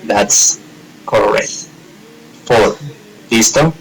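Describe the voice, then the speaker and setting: A man's voice: fairly low pitch, extremely slow, rough recording. A man teaching a live grammar class, explaining step by step in a patient way and checking often that students follow. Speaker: English teacher.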